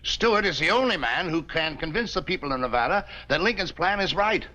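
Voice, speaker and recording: A bright, lively-voiced governor, formal and oratorical. The recording is a muffled vintage TV soundtrack. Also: male voice, a little high, fairly quick. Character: dignified territorial governor, persuasive and formal. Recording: dull 1950s TV soundtrack.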